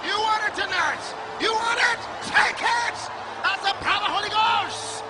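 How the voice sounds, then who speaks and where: A man preaching at full shout, fervent and repetitive, in a revival style. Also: very high voice, moderate pace, some chatter behind, slight background noise.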